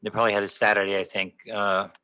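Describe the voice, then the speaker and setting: An older man on a city board, speaking in a rambling, halting way with many fillers during casual remarks at a public meeting in a council chamber. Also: on the low side, flat delivery, bright, forceful tone, clean tone, rough recording. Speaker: board member.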